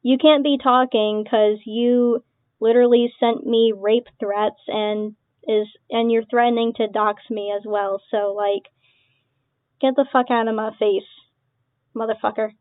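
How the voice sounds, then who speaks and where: A woman's voice: fairly high pitch, fairly even intonation, unhurried, smooth, no room sound. Dismissive young woman on a tinny line. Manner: dismissive, sarcastic, swearing, laughing between remarks. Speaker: online creator responding to accusations. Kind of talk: casual reaction commentary. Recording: tinny phone-like lo-fi sound, dry.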